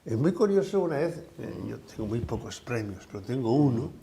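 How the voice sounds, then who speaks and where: An older man from the Basque Country, a professor, talking in a relaxed podcast conversation, pausing often with fillers and restarts. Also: medium pitch. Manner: hesitant, many fillers and restarts.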